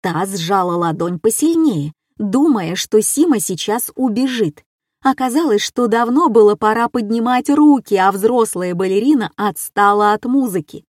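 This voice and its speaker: Woman reading a funny story, dry deadpan delivery, no room echo at all. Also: medium pitch, moderate pace. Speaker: narrator. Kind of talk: humorous storytelling.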